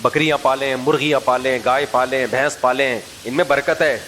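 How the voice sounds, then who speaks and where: A man's voice: medium pitch, fairly even intonation, a bit bright, slight background noise, rough recording. A middle-aged man from Pakistan giving an informal religious talk, full of jokes and anecdotes, putting questions straight to his listeners. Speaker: Islamic preacher.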